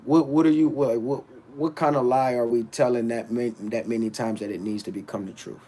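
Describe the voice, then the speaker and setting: It's a battle rapper's casual rant on stream, full of blunt, animated replies to his chat and restarted words. His mid-range voice is mellow, fairly even in intonation, and a little fast.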